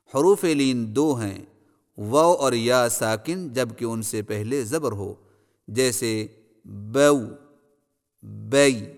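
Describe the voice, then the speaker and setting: A man teaching Quran pronunciation, explaining quickly and then drawing out each drill word slowly. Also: mid-range voice. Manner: brisk explanations, then slow drawn-out drills. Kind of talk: tajweed pronunciation lesson. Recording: long hall reverb.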